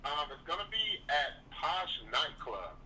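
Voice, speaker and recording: A man's voice: on the high side, big pitch swings, measured pace, distant mic, a crowd in the background, low-quality recording. A man calling in to a live show, easygoing and promoting an event. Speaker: caller, comedian. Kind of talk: casual phone-in chat.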